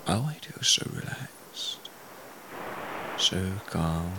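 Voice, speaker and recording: A man speaking as a hypnotherapist, leading a guided relaxation in a soothing, deliberate way with hushed phrase endings. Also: deep voice, vocal fry, background noise.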